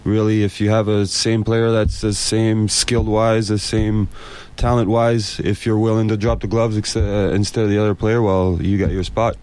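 A man's voice: fairly low pitch, little pitch movement, normal speed, few pauses, darkish tone, clean tone. A man giving casual, plain-spoken interview answers as a sports guest, often repeating his phrases.

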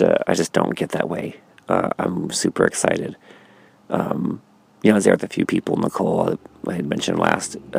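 A man with a very deep, heavily gravelly voice that has a husky edge talks in a loose, rambling way, full of fillers and restarts. He sounds sleepy and early-morning, a comedian thinking out loud to his viewers. The sound is dry and close, with no room around it. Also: dry recording. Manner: rambling, self-reflective, frequent fillers and restarts. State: sleepy, yawning. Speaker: stand-up comedian. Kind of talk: casual vlog monologue.

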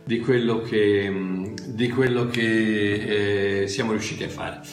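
A man's voice: lowish voice, fairly even intonation, slow, reverberant, faint music behind. A man preaching and teaching from the Bible in a conversational way, with frequent restarts and asides.

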